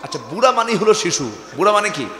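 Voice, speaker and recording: A man preaching a waz sermon to a crowd. He keeps firing rhetorical questions at the audience and swings from hushed lines to shouts. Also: sits high, animated, fast. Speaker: Islamic preacher. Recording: echoey hall with long reverb.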